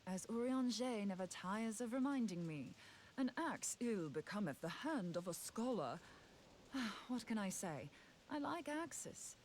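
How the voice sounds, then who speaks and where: Woman acting a lively, wry scholar adventurer. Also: mid-range voice, unhurried, slight background noise, close to an everyday voice, low-quality recording. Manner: chatty, wry, informal. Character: plucky, wry female scholar who loves axes. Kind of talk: scripted video game voice acting.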